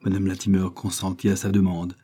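A man narrating an audiobook in a steady storytelling manner. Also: sits low, a little fast, breathy edge. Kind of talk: scripted narration.

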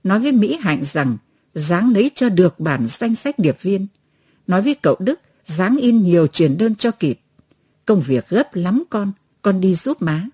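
A frail older mother near death, speaking in a faint, halting whisper, as a woman puts her on while reading. The voice is breathy and mellow, and it rises and falls freely. The recording is close and dry. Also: medium pitch, sing-song, no room sound. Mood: urgent. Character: dying older mother, weak yet resolute.

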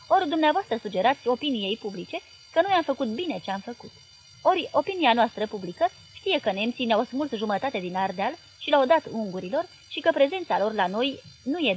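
A woman reading an earnest young journalist. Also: extremely high pitch.

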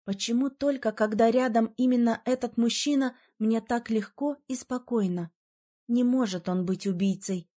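Female audiobook narrator, expressive first-person reading, warm tone. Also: on the high side, moderate pace. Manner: expressive, emotional storytelling.

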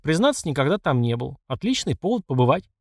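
Brief: male narrator playing an ironic, unhurried old emperor in an audiobook, lively pitch. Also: no echo, clean studio sound. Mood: amused calm. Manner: politely teasing, unhurried. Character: calm ironic aging male emperor, bald.

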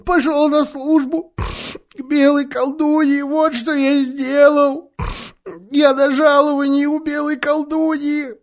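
Man doing Mr Tumnus, a sobbing high faun. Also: level tone, slow, heavily acted. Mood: tearful. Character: weeping remorseful male faun, timid and guilt-ridden. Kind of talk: audiobook character voice.

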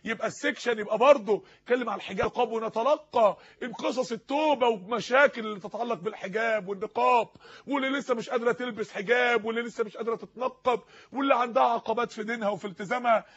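Egyptian arabic preacher guy, high husky voice, rapid fire sermon, dull lo-fi radio sound. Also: fairly bright tone. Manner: fervent, pleading, repeated rhetorical questions. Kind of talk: impassioned sermon.

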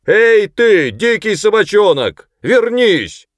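A man voicing a gruff police sergeant who shouts orders across a river. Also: lowish voice, sing-song, moderate pace, dry recording, studio quality. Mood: shouting. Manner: loud shouting and commanding.

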